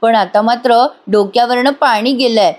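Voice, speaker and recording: A woman giving a voice-over recap of a TV serial, telling the story briskly with sympathetic asides. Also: on the high side, darkish tone.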